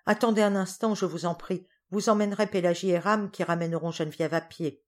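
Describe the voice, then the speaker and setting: A woman voicing a calm, courteous gentleman who speaks politely and soothingly. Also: lowish voice, a little fast, close to an everyday voice.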